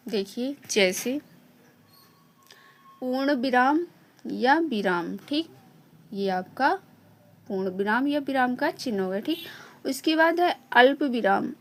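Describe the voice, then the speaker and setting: A woman teaching an online lesson at a slow, unhurried pace, her voice sitting a little above the usual. She goes over each point more than once and keeps checking in with a short "okay". The delivery stays patient and methodical throughout. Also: fairly high pitch, lively intonation.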